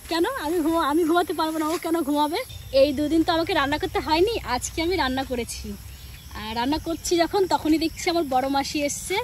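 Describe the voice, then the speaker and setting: A high-pitched woman chats to her viewers while walking home through a village, with a phone in her hand. She has a sore throat and coughs, and she acts out her family's lines as she talks. Crickets and insects chirp faintly behind her. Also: a little hiss or hum. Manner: chatty, speaks straight to viewers and acts out family dialogue. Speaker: village lifestyle vlogger.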